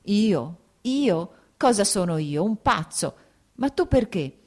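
A woman's voice: medium pitch, animated, moderate pace, warm tone, lightly acted. A woman voicing an agitated, jealous young husband in an audiobook, speaking in pleading, broken outbursts. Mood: remorseful.

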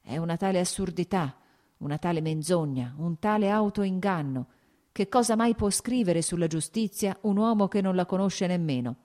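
A woman voicing a bitter, ailing man who argues in agitated, shouting outbursts, read as an audiobook character. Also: fairly low pitch, moderate pace, voice pushed up, lightly acted. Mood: heated.

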